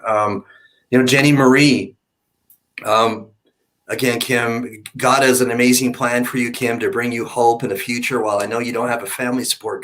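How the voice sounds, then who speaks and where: A man hosting a broadcast, speaking in a measured, reassuring way with pauses, offering faith-based encouragement. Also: lowish voice, a bit bright, poor audio. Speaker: host of an online support broadcast. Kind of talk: encouraging, faith-based talk to guests and viewers.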